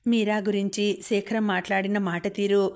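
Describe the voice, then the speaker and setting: A woman reading a novel aloud as an audiobook narrator, in a calm, even storytelling manner. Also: medium pitch, moderate pace. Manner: calm, even storytelling, quoting characters without acting them.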